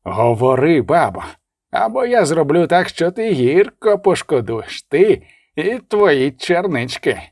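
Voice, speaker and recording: A sinister male assassin with a rasping, distant-sounding voice, as a man reads him for an audiobook. He speaks slowly and coldly, each threat measured. The recording is dry and close. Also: a little high, very animated, darkish tone, dry recording, exaggerated voice. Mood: menacing. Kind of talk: audiobook character reading.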